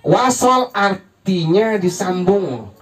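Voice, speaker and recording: A man's voice: high voice, expressive, slow pace. A man teaching an evening Quran recitation lesson. He jokes and keeps quizzing his listeners with questions they answer together. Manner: jokey, quizzes the audience with call-and-response questions. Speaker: Islamic religious teacher. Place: study hall with a gathered congregation. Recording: congregation calling out answers in background.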